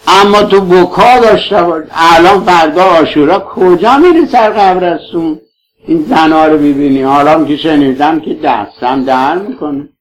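High-voiced fervent male preacher. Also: rough recording. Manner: fervent, rhetorical questions, rising and falling. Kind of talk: religious sermon.

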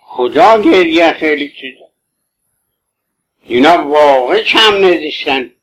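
An older man with a somewhat high voice tells an emotional religious story. He speaks fervently and pleadingly, slipping into everyday colloquial phrasing. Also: animated, fairly bright tone, slightly rough, low-quality recording. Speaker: bereaved husband recounting his late wife.

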